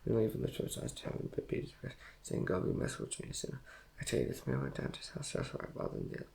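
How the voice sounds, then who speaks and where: A man with a Korean accent reading scripture aloud, rushed and stumbling over words. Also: medium pitch, gravelly, a little mellow. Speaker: Bible reader.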